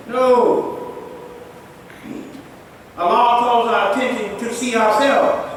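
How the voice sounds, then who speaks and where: Man, imam, emphatic sermon, faint background hiss, very echoey mosque hall. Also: extremely high pitch. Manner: emphatic, addresses the congregation directly. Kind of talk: Friday sermon. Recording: echoey far-off hall recording, faint noise.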